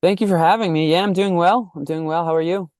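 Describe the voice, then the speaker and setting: American guy in his 30s, podcast guest coach, clean smooth voice, dry sound, keeps repeating words as he thinks. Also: high-pitched, steady tone, fast, darkish tone, dry recording. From Mexico, raised in the United States. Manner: thoughtful, repeats words while thinking aloud. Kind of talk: casual podcast interview.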